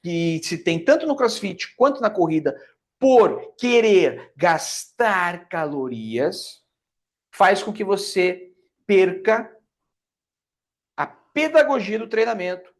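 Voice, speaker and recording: A man's voice: sits high, animated, slow. A man with a Brazilian Portuguese accent giving an emphatic, conversational fitness lesson, often checking in with his listeners. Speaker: fitness teacher. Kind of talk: explanatory lecture.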